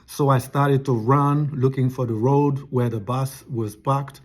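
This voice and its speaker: A man earnestly telling a personal spiritual testimony, halting and restarting as he goes, eating something while he talks. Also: medium pitch, steady tone, darkish tone. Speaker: testimony speaker.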